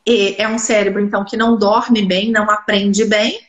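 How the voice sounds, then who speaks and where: A woman speech therapist, congested with a cold, talks at normal speed in a mid-range voice with a level tone. She explains in an interview, answering her own rhetorical questions, and the recording sounds roomy and echoey with the highs cut off.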